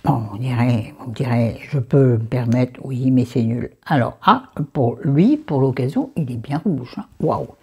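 A woman's voice: a bass voice, expressive, a little slow, few pauses, a little mellow, husky. A French-accented woman chatting through a makeup haul, dropping into whispered asides and scolding herself by name. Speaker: beauty vlogger.

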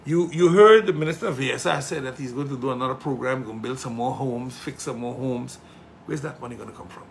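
A middle-aged man gives impassioned political commentary, emphatic, with rhetorical questions that build to loud indignation. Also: mid-range voice, creaky, slight background noise. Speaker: political commentator hosting a show.

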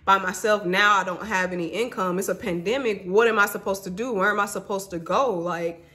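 A woman's voice: medium pitch, fairly even intonation, fairly quick, pushed and bright. A young woman in her twenties from Mississippi speaks to her viewers in a personal vlog. She is candid and emotional, calling them y'all and honey as she tells her story. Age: 20s. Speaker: vlogger.

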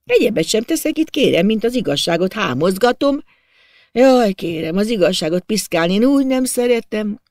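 A man's voice: sits high, big pitch swings, darkish tone, dry recording, studio quality, pitched above the performer's own voice. A man voicing a timid, self-pitying imperial official from Prague who laments his lot in a storybook reading. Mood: lamenting. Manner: plaintive, wistful lamenting.

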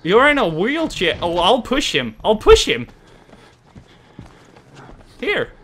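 Male streamer, high voice, unhurried talk, swears and yells at scares. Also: wildly swooping pitch. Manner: cursing, yelping and shouting when startled. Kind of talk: gaming livestream commentary.

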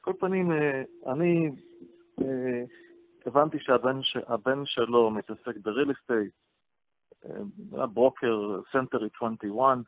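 A man, a rabbi and radio guest, telling a story from his past in an interview, halting with fillers as he goes. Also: medium pitch. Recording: phone-line radio call, dry.

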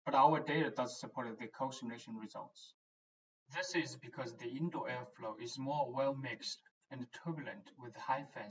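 A man, a research engineer, giving a scripted, measured technical explanation as a voice-over for presentation slides. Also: medium pitch. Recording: distant, dull lo-fi voice-over.

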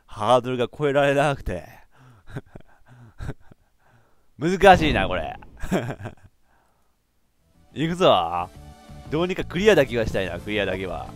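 A man doing excitable let's play commentary, laughing often and yelping when he fails. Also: mid-range voice, a little slow, long pauses, faint music behind. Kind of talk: game commentary.

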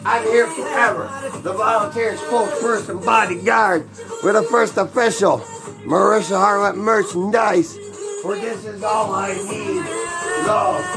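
A man delivering a rambling, excited fan rant, shouting and whooping as he goes. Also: high voice, vocal fry. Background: music.

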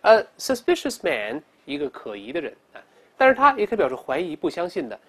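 Animated teacher teaching English words. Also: male voice, a little high. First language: Chinese. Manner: animated, drills students to read aloud, slows down for English examples. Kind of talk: vocabulary lesson.

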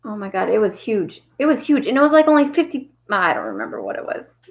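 A woman's voice: medium pitch, wildly swooping pitch, fast talker, highs cut off. A woman hosting a casual crafting livestream, chatting with viewers and reading their comments aloud with frequent laughs.

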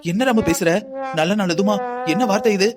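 A voice actor playing a calm, firm middle-aged mother in a cartoon drama, soothing but insistent. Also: medium pitch, fast, a crowd in the background, lightly acted.

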